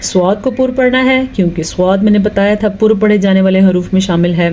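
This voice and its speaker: A woman teaching Quran recitation rules, explaining slowly, reciting drawn-out examples and asking if the point is clear. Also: mid-range voice, darkish tone, a little hiss or hum. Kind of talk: tajweed lesson with recitation.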